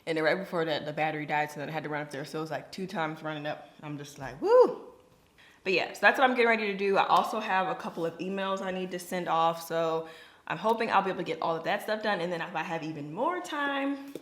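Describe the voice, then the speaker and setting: A young woman with a notably low-pitched voice talks through her day in a relaxed vlog. Her delivery is loose and chatty, full of fillers and little asides. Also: quick pace. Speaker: vlogger and business coach. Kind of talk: casual day-in-the-life vlog chat.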